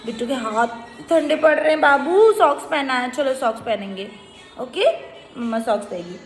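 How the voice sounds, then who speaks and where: A young woman, a mother, chatting casually in a home vlog and coaxing her toddler in a soft sing-song way. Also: sits high, normal speed, soft background music. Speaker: mother and vlogger. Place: at home indoors.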